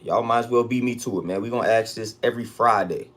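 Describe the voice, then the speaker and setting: A man's voice: medium pitch, fast, a bit bright. An American man hosting a casual livestream check-in, talking in street slang and repeating hype catchphrases. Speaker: livestream host.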